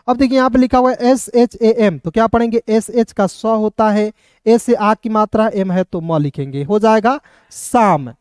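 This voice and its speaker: A man from India teaching an online spelling lesson, spelling out letters slowly and asking questions that he answers himself. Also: extremely high pitch, a little mellow, clear, resonant tone, no room sound, clean studio sound. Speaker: English teacher.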